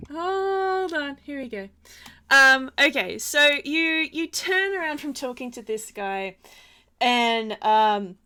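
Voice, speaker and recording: A woman acts as game master in a casual, giggly manner. Her voice is fairly high and she narrates slowly, with room to think. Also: bright, forceful tone.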